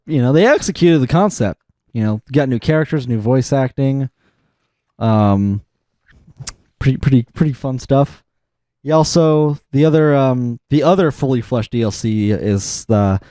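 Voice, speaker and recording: Male podcast co-host, warm mellow tone, dry close mic, rambling chatter full of "like" and "um". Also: medium pitch, no echo. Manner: rambling, frequent fillers and restarts. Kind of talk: casual chat.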